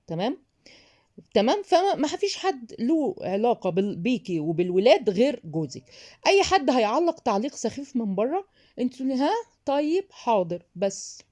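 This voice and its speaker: Egyptian lady giving parenting advice, talks fast, calls you darling, acts out what people say. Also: fairly high pitch, warm tone. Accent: Egyptian Arabic. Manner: chatty, calls listener "darling", acts out others' remarks. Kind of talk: reading and answering a viewer's question.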